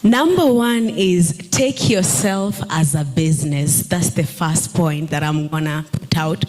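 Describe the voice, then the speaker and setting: A woman in her thirties speaks on a summit stage with a handheld mic, coaching a live audience on personal branding during a panel. Her voice is low and a little mellow, her pace measured, and she keeps them engaged by asking questions.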